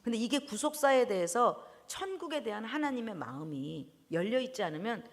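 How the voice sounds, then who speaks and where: A woman preaching a sermon in a church, animated, often laughing and breaking into loud exclamations. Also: on the high side, moderate pace. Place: church hall. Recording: long church hall reverb.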